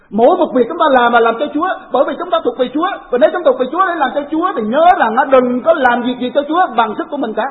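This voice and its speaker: Woman preaching over a tinny line. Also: on the high side. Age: 40s. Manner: animated storytelling preaching with rhetorical questions to the congregation. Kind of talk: sermon. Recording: tinny phone-like recording.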